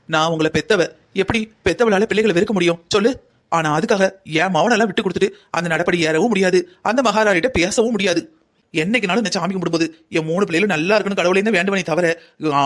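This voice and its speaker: A man's voice: sits high, fairly bright tone. A man voicing a stern middle-aged mother in a cartoon story who scolds her daughter with rhetorical questions.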